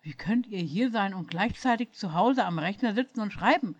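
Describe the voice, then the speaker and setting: A woman's voice: medium pitch, expressive, moderate pace, lo-fi sound, close to an everyday voice. A woman reading a German fan story aloud, voicing a baffled young man who stammers in confusion. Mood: flustered. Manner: stammering, bewildered.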